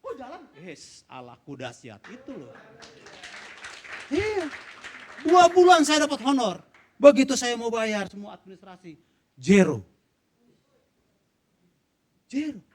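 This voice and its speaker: A man's voice: very high voice, big pitch swings, unhurried, pauses often, a little mellow. A middle-aged male pastor preaching emphatically to his church, repeating phrases for stress. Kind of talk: sermon with personal testimony. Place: church hall.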